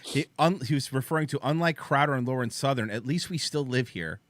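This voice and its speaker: A man's voice: mid-range voice, a little fast, no echo. A man co-hosting a podcast, joking and swearing casually. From United States. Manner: profane, joking. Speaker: podcast co-host. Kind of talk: casual banter.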